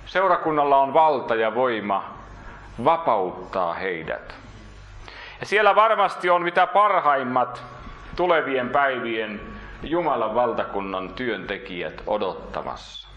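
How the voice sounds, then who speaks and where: Male preacher, earnest sermon delivery, bright tone, roomy church reverb. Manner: earnest preaching, rising for emphasis then dropping low and slow.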